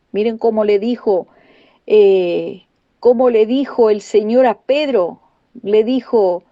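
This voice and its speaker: A high-voiced woman preaches her testimony with fervent, repetitive emphasis, speaking straight to her brethren. Her tone is soft and mellow rather than bright. The recording is dry and dull, like lo-fi audio. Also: no echo. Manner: fervent, repeats phrases, addresses listeners as brethren. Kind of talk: emotional sermon testimony.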